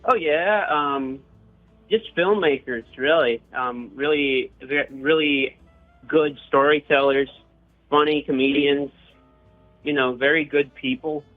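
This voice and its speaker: A man's voice: on the high side, fairly even intonation, takes it slowly. Young man on a tinny line. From Puerto Rico. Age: young adult. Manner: hesitant, with frequent restarts and fillers. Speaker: interviewee. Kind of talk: casual personal storytelling. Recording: tinny phone-like line with faint guitar music.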